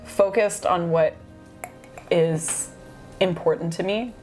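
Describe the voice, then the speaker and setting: A woman in a casual question-and-answer chat, speaking in measured, somewhat hesitant phrases as a video creator. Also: on the low side, darkish tone, soft background music, poor audio.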